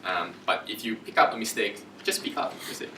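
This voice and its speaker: A man gives a relaxed talk to students, with a fairly low, bright and forceful voice. He speaks in a chatty, informal way. He was recorded from a distance in a room with a lot of echo. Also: brisk, slight background noise. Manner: chatty, acts out quoted dialogue in raised voices. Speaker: junior doctor giving a career talk. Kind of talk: casual presentation to students. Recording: echoey room, distant from mic.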